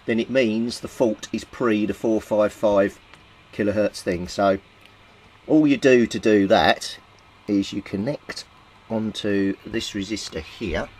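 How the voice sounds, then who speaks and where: A British man with a lowish, darkish voice goes through a radio repair step by step. He's plain and methodical, thinking out loud with small fillers.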